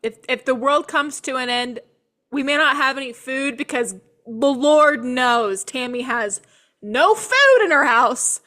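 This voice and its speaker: A young woman with a high, bright voice co-hosts a casual podcast. She talks at an unhurried pace and drops wry, teasing remarks. The feel is a relaxed chat between friends. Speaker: podcast co-host.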